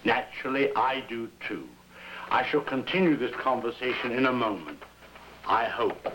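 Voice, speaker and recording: A man hosting a television show in a dry, deadpan and formally droll manner, heard through an old 1950s television broadcast with a faint hum. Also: mid-range voice, normal speed. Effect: old 1950s television broadcast sound with faint hiss and hum. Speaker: television host. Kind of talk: scripted wry host introductions.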